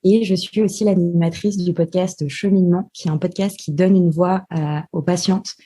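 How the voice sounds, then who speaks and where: Woman, podcast guest, low husky voice, hesitant, explains methodically. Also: steady tone, normal speed, dark tone. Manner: hesitant, many filler sounds, methodical explaining. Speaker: podcast guest, marketing specialist. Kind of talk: podcast interview.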